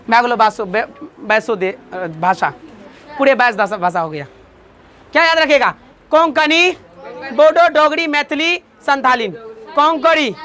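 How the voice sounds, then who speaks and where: High bright-voiced man teaching a class. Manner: repetitive call-and-response drilling, joking. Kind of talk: classroom lecture with memory tricks.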